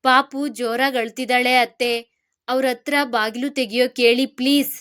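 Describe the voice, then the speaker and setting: A woman voicing a gentle young woman who pleads softly through tears. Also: high-pitched, fairly even intonation, normal speed, clear, resonant tone. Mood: pleading.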